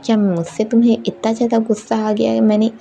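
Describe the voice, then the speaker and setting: A woman voicing a young woman who is upset that her girlfriend ignored her calls, firing off sharp, quick reproachful questions. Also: mid-range voice, fairly even intonation, creaky, dull audio, a little hiss or hum. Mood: angry.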